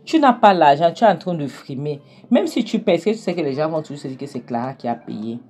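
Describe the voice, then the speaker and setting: A woman voicing a blunt male friend who lectures a broke man, loud and emphatic. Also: very deep voice, fairly even intonation, fast talker, gravelly, slightly rough, full character voice. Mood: scolding.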